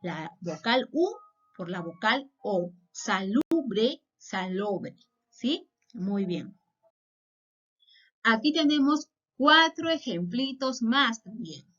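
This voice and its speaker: Slow-speaking Peruvian woman teacher. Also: on the high side, sing-song, bright, forceful tone. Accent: Peruvian Spanish. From Peru. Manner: patient, checks in with repeated questions. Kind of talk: classroom lesson. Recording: dull lo-fi sound.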